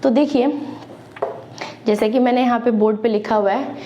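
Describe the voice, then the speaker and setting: Woman teacher, somewhat high, mellow voice; patient whiteboard lesson, spells out words. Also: fairly even intonation, highs cut off, slight background noise. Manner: slow, spelling out words and examples; fillers and self-corrections. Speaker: English teacher.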